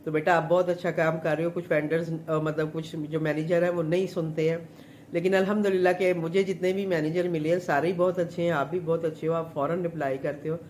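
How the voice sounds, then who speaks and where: On a live stream from her home kitchen, a middle-aged Pakistani home chef chats casually with a slightly sore throat. Her low, a little mellow voice has little pitch movement and runs fast as she rambles with plenty of fillers, while a faint hum of room noise sits behind her.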